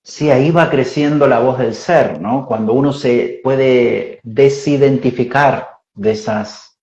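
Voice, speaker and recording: A man's voice: medium pitch, slow, darkish tone. A man hosting a casual spiritual conversation, reflective, ending many phrases with a questioning tag. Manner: reflective, lots of "¿no?" tags. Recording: dull echoey room sound.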